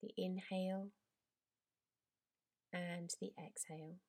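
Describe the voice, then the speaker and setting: A woman yoga teacher leading a guided relaxation in a slow, soft, soothing voice that drifts into whispers. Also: lowish voice, little pitch movement.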